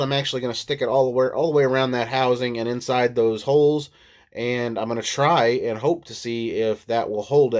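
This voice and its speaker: Man with a stuffy nasal cold voice. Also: medium pitch. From Illinois. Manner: chatty, laughs often, self-deprecating. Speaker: RC monster truck vlogger. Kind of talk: casual vlog recap. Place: indoors at home.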